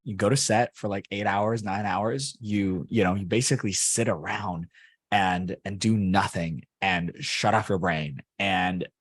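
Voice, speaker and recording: A man's voice: deep voice, measured pace, dry recording, clean studio sound. A young man from Canada, chatting as an interview guest in a rambling way with many fillers and restarts. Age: young adult. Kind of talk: casual interview chat.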